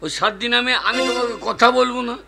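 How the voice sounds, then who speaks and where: Gravelly, lecherous older village villain. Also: male voice, extremely high pitch, little pitch movement, fast. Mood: pleading, besotted. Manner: coaxing, repetitive, exaggerated comic delivery. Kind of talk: Bengali folk stage theatre acting. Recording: loud live music accompaniment.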